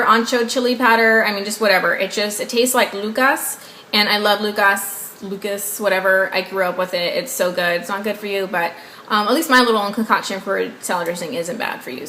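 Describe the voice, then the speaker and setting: Her mid-range voice is brisk, pushed and bright: a Southern-accented beauty vlogger in her twenties from the Southern US, not a native English speaker. She chats with viewers in a loose, upbeat, rambling way and keeps asking them to guess. The echoey room carries faint background noise.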